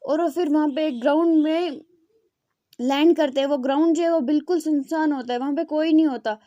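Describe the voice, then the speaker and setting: A woman's voice: sits high, fairly quick, warm tone, no room sound, highs cut off. A young woman retelling a fan story in a loose, spoken way, with many fillers and restarts.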